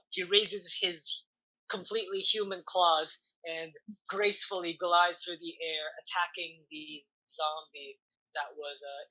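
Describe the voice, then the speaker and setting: A woman runs a tabletop game as game master, narrating in a slow, halting, improvised way. Her voice is very bright and forceful, sitting a little low for a woman. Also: low-quality recording. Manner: halting, deliberate storytelling.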